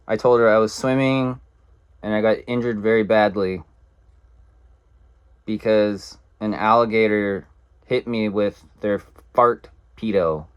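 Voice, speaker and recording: A man's voice: lowish voice, measured pace, pauses often, smooth. A young man telling a casual story in a blunt, profane, rambling way.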